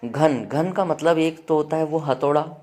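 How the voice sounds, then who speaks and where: A man's voice: a little high, a little slow, a little mellow. A male teacher running an exam-prep grammar lesson, listing word meanings and checking in with students with frequent "है ना" and "ठीक है".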